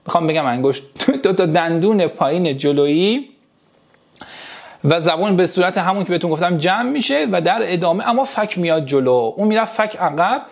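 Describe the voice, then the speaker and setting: A man teaching a language lesson, slowly repeating each sound and word so his students can copy him, and speaking to them fondly and directly. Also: sits high, animated, gravelly. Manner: slow, repeats each sound and word several times for drilling; addresses the class directly and affectionately. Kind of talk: pronunciation lesson for beginners.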